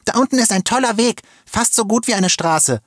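A man reading a storybook puts on an eager little boy, his voice lifted very high and bouncing with excitement. The tone stays husky and dry. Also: normal speed, no room sound. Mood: excited.

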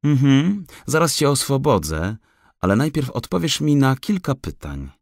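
A man's voice: mid-range voice, sing-song, measured pace, vocal fry, no room sound, studio quality, pitched above the performer's own voice. A man voicing a shrewd male forester who teases and bluffs, in an audiobook. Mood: teasing. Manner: mocking, bluffing. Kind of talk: audiobook character voice.

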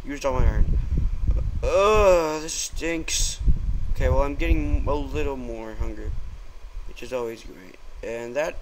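A young man commentating his own gameplay in a casual, excitable way, yelping when startled. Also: medium pitch, a little slow. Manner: jumpy, excitable, yelps when scared. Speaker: let's play gamer. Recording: noisy home recording.

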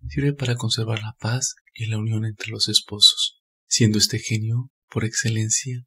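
A man calmly reading a scripted spiritual narration in a measured, steady way. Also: on the low side, husky.

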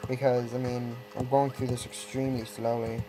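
A let's play gamer speaks in a medium-pitched, flat voice at a moderate pace, offering casual, rambling gameplay commentary. He breaks off mid-thought with wry asides while faint game music plays, and the recording is rough.

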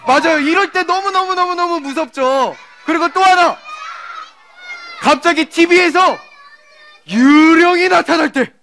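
Brief: female children's pastor, high and sparkling, lively storyteller who questions the kids, faint music underneath. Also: a little slow, pauses often, slight background noise. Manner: animated, questions the children and acts out scenes.

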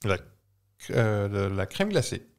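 A man's voice: on the low side, sing-song, a little slow. A man co-hosting a casual podcast, reading out quiz facts in a playful, teasing way and chuckling often. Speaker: podcast co-host. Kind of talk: casual chat, true-or-false quiz.

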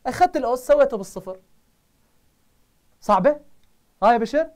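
A man with a Jordanian Arabic accent teaching a live online math review, firing quick questions at his students. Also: extremely high pitch, lively intonation, darkish tone.

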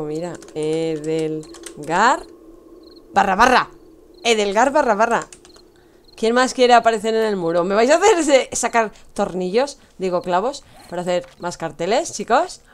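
A woman's voice: mid-range voice, a little hiss or hum. Chatty Spanish woman streaming a game. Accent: Spain Spanish. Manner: chatty, teasing, addresses chat, laughs often. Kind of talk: casual gameplay commentary.

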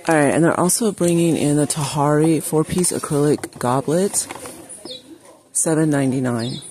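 Low-pitched and warm, this woman's voice moves at a normal speed as she narrates a casual shop-with-me video. The shopping vlogger browses a large indoor retail store, chatting with viewers she calls "you guys" and reading prices aloud. She films on a handheld phone from off camera, and clear store noise comes through.

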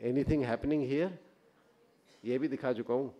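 A man's voice: medium pitch, fairly even intonation, rapid-fire, warm tone, highs cut off. A middle-aged man with a North Indian accent lecturing informally on stage into a microphone, prodding the audience with questions. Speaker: ophthalmology lecturer. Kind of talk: interactive lecture mixing Hindi and English. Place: large auditorium, on stage. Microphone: podium or table gooseneck microphone.

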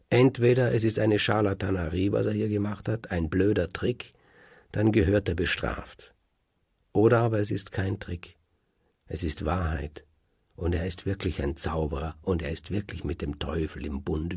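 A man telling old legends aloud in a lively, emphatic way, swinging between loud and hushed. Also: low voice, creaky, husky, dry recording. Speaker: storyteller. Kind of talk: oral storytelling of legends. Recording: dry close recording.

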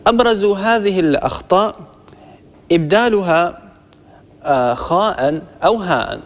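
A man teaching a Quran recitation lesson, explaining in a measured way and stopping to demonstrate letter sounds. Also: on the high side. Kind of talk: tajweed lesson to listeners. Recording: long reverb, hall-like echo.

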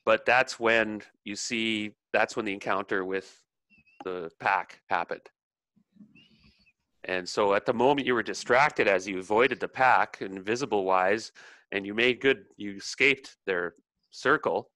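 A man's voice: on the low side, measured pace, bright, forceful tone, no room sound. A man narrating a tabletop role-playing game as game master, in a loose chatty way.

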